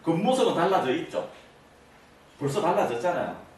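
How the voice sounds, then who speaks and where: Man, lecturer, quizzes audience, animated pitch, echoey room, distant mic. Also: brisk, slight background noise. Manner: keeps quizzing the audience with either-or questions. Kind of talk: interactive lecture to a seated audience.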